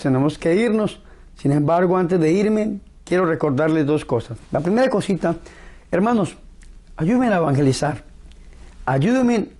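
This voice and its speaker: Higher-voiced male priest preaching. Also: a little mellow. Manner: solemn, pastoral, deliberate phrasing. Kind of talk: devotional sermon and prayer.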